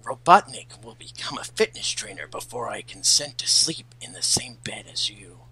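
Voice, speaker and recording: A man's voice: fairly low pitch, very animated, moderate pace, sharp tone, exaggerated voice, poor audio. A man voicing a curt, haughty, brooding hedgehog prince in an amateur fan fiction reading. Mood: stern.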